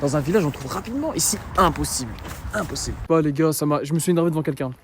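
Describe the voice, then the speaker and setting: A man's voice: on the high side, very fast. A young man from Belgium, vlogging on foot through a city at night, tired and frustrated, repeating himself as he talks to his phone. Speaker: travel vlogger. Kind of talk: casual vlog talk to camera. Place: outdoors in a city street at night. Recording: street noise outdoors.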